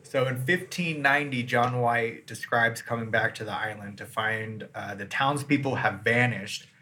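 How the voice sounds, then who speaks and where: A man's voice: medium pitch, moderate pace, sharp tone. A man hosting a podcast, telling a history story in a laid-back, joking chat style. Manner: laid-back, loose with fillers and jokes.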